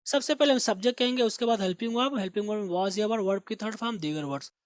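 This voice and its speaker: A teacher, slowly explaining English grammar and repeating words aloud for pronunciation. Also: mid-range voice, dry recording, clean studio sound. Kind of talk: spoken grammar and vocabulary lesson.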